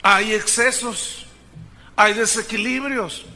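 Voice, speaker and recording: A man's voice: high voice, fairly even intonation, takes it slowly, sharp tone. Pastor guy preaching, punchy and emphatic, keeps asking the crowd questions. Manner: emphatic, rhetorical questions to the congregation. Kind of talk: sermon.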